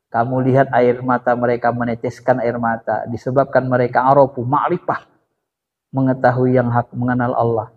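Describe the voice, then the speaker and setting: A man preaching a lively sermon to a study gathering, often turning to his listeners directly. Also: medium pitch, normal speed. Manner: lively, addresses listeners directly as sir, chants God's name. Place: religious study gathering hall. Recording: echoey hall, dull lo-fi sound.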